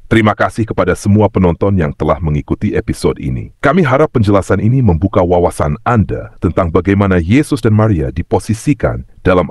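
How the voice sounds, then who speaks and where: A very deep, husky male host delivers polite, formal scripted lines. The sound is dry and close-miked. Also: a little mellow, dry recording. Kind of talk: scripted narration.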